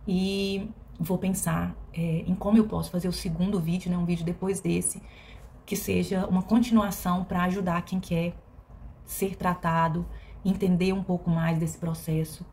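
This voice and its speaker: Give me a woman with a low, warm voice, talking slowly and hesitantly in a personal vlog. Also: level tone, a little hiss or hum. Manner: reflective and hesitant, with many fillers and restarts. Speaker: vlogger.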